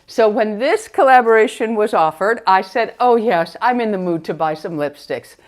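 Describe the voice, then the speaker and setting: A woman's voice: medium pitch, moderate pace. A middle-aged woman beauty vlogger chatting casually, her speech muffled by a face mask. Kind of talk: casual get-ready-with-me chat.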